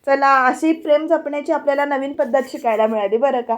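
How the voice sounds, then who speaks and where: A woman's voice: high voice, fairly quick. A woman retelling a TV serial episode in a chatty voice-over, often addressing the viewers. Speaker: serial review narrator.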